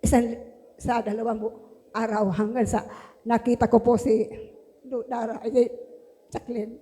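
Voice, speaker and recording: A woman's voice: a little high, level tone, normal speed, warm tone. A woman giving a fervent religious testimony in church, often breaking into exclamations of praise. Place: church hall. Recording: long hall reverb.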